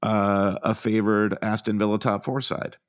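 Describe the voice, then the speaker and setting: A man's voice: lowish voice, little pitch movement, unhurried, smooth. A man co-hosting a casual football podcast, laying out earnest, opinionated analysis in long run-on sentences. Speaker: podcast co-host.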